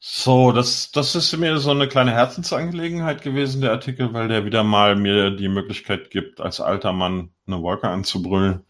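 Exasperated low-voiced German man ranting. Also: steady tone, normal speed, hardly any pauses, a bit bright. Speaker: podcast co-host. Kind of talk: casual chat.

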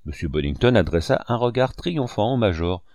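A man narrating a classic novel in a steady, dramatic reading. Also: on the low side, normal speed, dry recording, studio quality. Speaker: audiobook narrator. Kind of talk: scripted narration.

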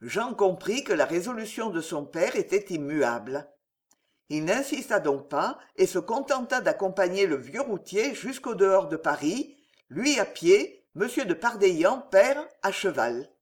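An audiobook narrator reads a classic novel in a measured storytelling manner. The voice sits at a middle pitch. The intonation moves widely and stays expressive.

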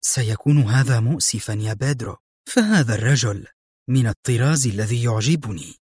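A man voicing a cunning female crime boss, soft-spoken but menacing, in an audiobook reading. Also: medium pitch, lively intonation, a little fast, slightly rough, dry recording, studio quality. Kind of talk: audiobook narration.

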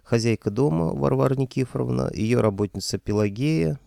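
A man's voice: medium pitch, brisk, creaky, warm tone, no room sound, studio quality, voice pushed up. A man voicing a weary male district police officer who reports events in a plain, matter-of-fact way. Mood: reporting.

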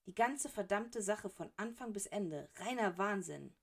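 A woman's voice: medium pitch, animated, unhurried, vocal fry. A woman reading as a suspicious, indignant younger male wizard in a storybook, close to her own voice. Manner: hissing, indignant. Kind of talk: audiobook character reading.

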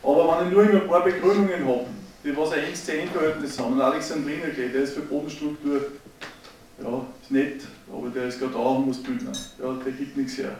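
A middle-aged Austrian man lectures farmers in an emphatic, down-to-earth way, speaking directly to the crowd. His voice sits a little high. It comes from well away from the mic and rings around a big echoey hall. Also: fairly even intonation, fairly quick, darkish tone, recorded from a distance, a little hiss or hum. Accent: Austrian German. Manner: emphatic, folksy, addresses audience directly. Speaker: agricultural speaker.

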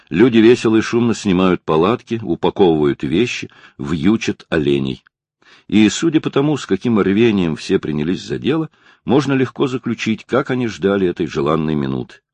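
Low, husky male storyteller. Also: sing-song, normal speed, a little mellow, dry recording. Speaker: audiobook narrator. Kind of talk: first-person memoir reading.

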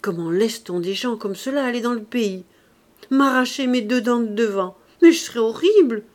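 A woman reading an audiobook, voicing a proud, excitable young seamstress in high, loud outbursts. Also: normal speed, lightly acted. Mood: indignant.

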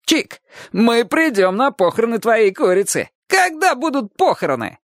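Jeering prankster schoolboys, as a male narrator puts them on, mocking in a high, lively voice. It is a dry, close storybook reading. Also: normal speed, dry recording, exaggerated voice.

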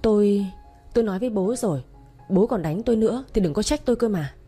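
A hot-tempered young husband yells and sneers, as a woman reads him. The voice is husky and dark, fairly low, and soft faint music plays behind it. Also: lively intonation, brisk. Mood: stammering. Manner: shouting, sneering.

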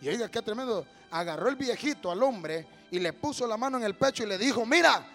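A man with a Honduran accent preaching a fervent evangelical sermon, speaking straight to his congregation and building up to shouts. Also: high-pitched, animated, fast, faint music behind.

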